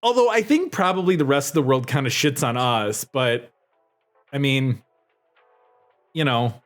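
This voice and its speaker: A man's voice: medium pitch, animated, unhurried, faint music behind. A man co-hosting a podcast, telling stories in casual chat, rambling and profane with lots of fillers. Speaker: podcast co-host.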